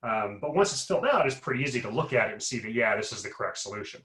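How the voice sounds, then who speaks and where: A professor explaining on an echoey call. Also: male voice, mid-range voice, lively intonation, racing, fairly bright tone. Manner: rambling, explanatory, frequent fillers and restarts. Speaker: guest speaker, professor. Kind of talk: explanatory talk on a webinar. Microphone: video call.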